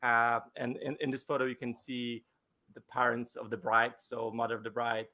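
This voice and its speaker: A man's voice: mid-range voice, flat delivery, moderate pace, sharp tone. A male wedding photographer answering interview questions over a video call, hesitant, with many fillers and restarts.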